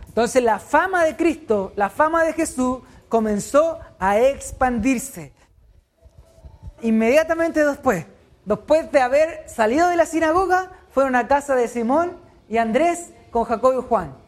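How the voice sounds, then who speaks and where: Woman teaching Bible study, high voice, asks and answers her own questions. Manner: asks the group questions and answers them herself.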